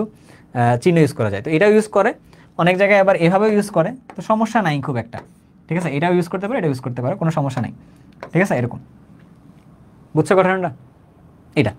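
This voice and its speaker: A man's voice: on the high side, a little mellow. A man teaching chemistry in an online lecture, speaking casually, repeating points and often checking that students follow.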